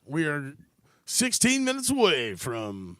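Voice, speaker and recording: A man's voice: fairly high pitch, wildly swooping pitch, slow pace, sharp tone, smooth, no room sound, studio quality. A man co-hosting a casual radio show, joking, laughing and swearing freely. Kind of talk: casual chat.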